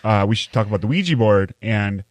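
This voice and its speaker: Male podcast host, low voice, rambling casual storyteller. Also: lively intonation, fairly quick, dry recording. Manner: rambling, with loose fillers and swearing.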